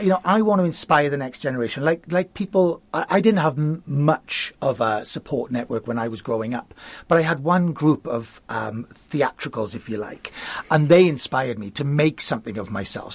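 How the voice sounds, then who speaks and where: Man, Welsh accent, husky, somewhat high voice, enthusiastic guest, dry sound. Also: no room sound. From Wales. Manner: enthusiastic, chatty, quick bursts. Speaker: youth theatre school founder, guest. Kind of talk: conversational interview.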